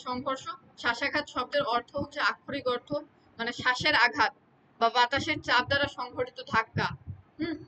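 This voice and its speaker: Woman lecturer, high-pitched, patient, repeats examples, checks in often, light hiss behind. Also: pushed and bright, low-quality recording. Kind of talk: exam-prep lecture.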